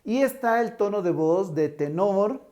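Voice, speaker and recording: Mexican guy w a tenor voice, slow and mellow, teaching and showing off voice examples. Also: expressive. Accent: Mexican Spanish. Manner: demonstrative, shifts pitch to show examples. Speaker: teacher trainer. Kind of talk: online teaching lesson.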